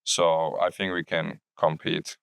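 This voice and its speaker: A man's voice: deep voice, completely flat delivery, takes it slowly, vocal fry, fairly bright tone, smooth, no room sound. A young man, a college soccer player giving interview answers in simple, repetitive phrasing. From Germany. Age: young adult.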